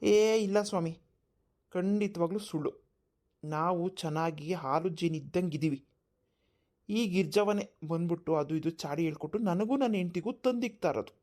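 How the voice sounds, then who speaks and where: A woman's voice: on the low side, normal speed, close to an everyday voice. A woman doing a blustering lying village husband. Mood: defensive. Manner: indignant, loud denials. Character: defensive lying village husband, middle-aged man. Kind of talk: cartoon voice acting.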